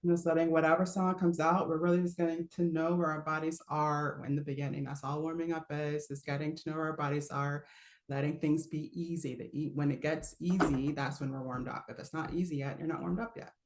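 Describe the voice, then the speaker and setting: A low-voiced woman gives a live online singing lesson, relaxed and chatty, laughing often and pausing to demonstrate sounds. She speaks a little fast, and the sound is roomy.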